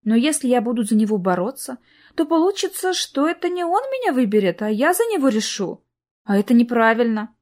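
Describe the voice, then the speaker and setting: A woman reading the lines of an earnest, hesitant young woman in love, in a soft, plaintive way. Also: a little high, big pitch swings, fairly quick.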